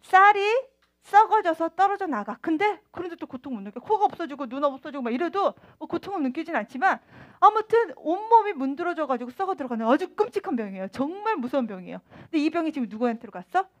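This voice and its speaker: Lady preacher doing a kids sermon, high voice, super animated, keeps asking the kids stuff. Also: fast talker. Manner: lively, quizzing the children and acting out scenes. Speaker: children's ministry preacher. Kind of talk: sermon for children.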